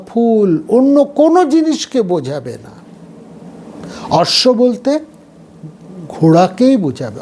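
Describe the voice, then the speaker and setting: A man giving a slow explanatory philosophy lecture, repeating words and phrases as he explains. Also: high-pitched, a little mellow. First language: Bengali. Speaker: philosophy teacher.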